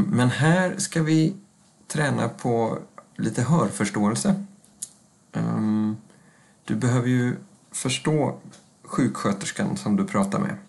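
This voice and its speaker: A male language teacher with a lowish voice and a gravelly, creaky edge. He talks slowly and carefully, pausing on hesitation sounds. He repeats phrases so learners can say them after him. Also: darkish tone.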